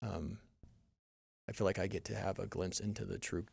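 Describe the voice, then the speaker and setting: Earnest low gravelly man hosting. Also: steady tone, normal speed, darkish tone, no echo. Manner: earnest, reflective, often seeks agreement. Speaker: mayor and podcast host. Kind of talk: casual interview conversation. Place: podcast studio.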